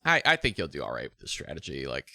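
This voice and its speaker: A man hosts an interview in a loose, conversational way, filling his thoughts with "like" and "right?". His pitch moves a lot and his tone is bright and forward. The recording is dry and close. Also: fast talker, dry recording. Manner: animated, thinks aloud with many "like" and "right?". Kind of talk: casual interview chat.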